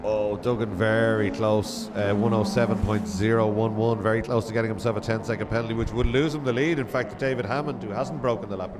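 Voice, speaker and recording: A man calls a motorsport race live in a lowish, steady voice, speaking a little fast with hardly any pauses. He tracks the running order through hesitant, self-correcting remarks. Loud engines and outdoor track sounds fill the recording.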